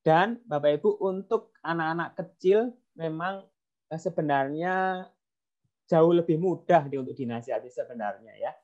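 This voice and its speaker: A man's voice: on the high side, a little mellow. Man, parenting webinar talk, storytelling, dull lo-fi audio. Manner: storytelling, acts out dialogue, frequent fillers. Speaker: parenting speaker.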